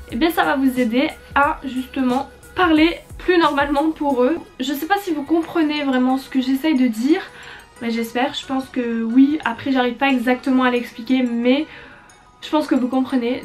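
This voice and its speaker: A woman in her twenties chatting casually to camera with lots of fillers and hesitations, giving tips on learning English. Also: high voice. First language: French. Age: 20s. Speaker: YouTuber. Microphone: compact camera.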